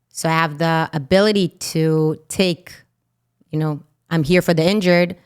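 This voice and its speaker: An Israeli woman in her thirties with a low voice, Hebrew her first language, telling her own story in an interview. Her tone is smooth and resonant, and she slips into the voices of the people she quotes. She speaks in long, vivid stretches. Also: darkish tone. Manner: vivid retelling, acting out quoted dialogue. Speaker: podcast guest.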